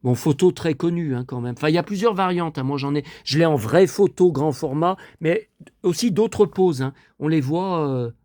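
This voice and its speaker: A man in his fifties from France, hoarse from a cold, rambling nostalgically with lots of asides as he shows off his collection. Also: a little high, moderate pace, warm tone, no room sound. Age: 50s. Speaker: collector showing his memorabilia. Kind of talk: casual collection show-and-tell.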